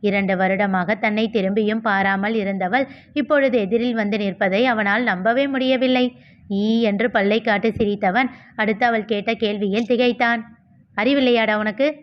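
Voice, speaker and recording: A woman reading a novel aloud as the host of a storytelling channel, with steady, expressive narration. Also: medium pitch, normal speed. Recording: slightly dull lo-fi recording.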